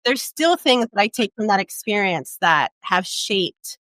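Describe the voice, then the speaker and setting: A woman in her forties, a travel advisor raised in Portugal, telling her career story in a relaxed interview with many "um"s and tag questions. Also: medium pitch, measured pace, no echo. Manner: reflective, storytelling, frequent "um" and "right?". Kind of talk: conversational interview.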